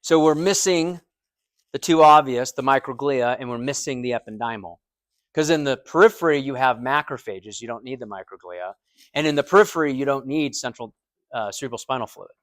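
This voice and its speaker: With a medium-pitched, slightly bright voice and a fairly quick delivery, a man with an American accent teaches anatomy and physiology in a recorded lecture with no echo. He talks conversationally, drawing everyday comparisons and checking in with his students.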